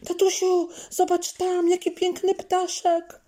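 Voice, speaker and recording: A woman voicing an eager, chatty little girl in a children's storybook, with a high, excited childlike voice. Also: slow.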